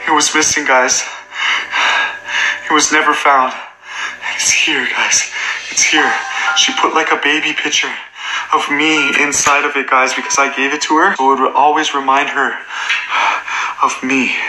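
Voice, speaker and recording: A man's voice: mid-range voice, flat delivery, moderate pace, poor audio. A man filming a staged paranormal vlog, frantic, often calling out to his viewers. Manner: frantic, keeps saying "guys". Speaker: vlogger.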